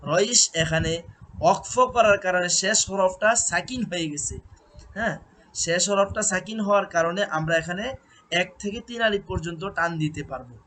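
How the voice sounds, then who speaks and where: A man teaching Quran recitation, drilling syllables with long drawn-out chanting and patiently correcting pronunciation. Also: high voice, pushed and bright. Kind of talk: slow recitation lesson. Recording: faint background noise and clicks.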